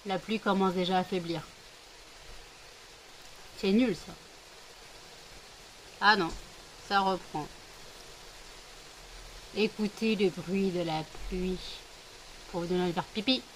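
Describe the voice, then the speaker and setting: A woman's voice: lowish voice, fairly even intonation, takes it slowly, pauses often, a bit bright, slight background noise, poor audio. A middle-aged woman vlogging casually from home, chatting to viewers and cooing baby talk to her scared pets while rain is heard outside.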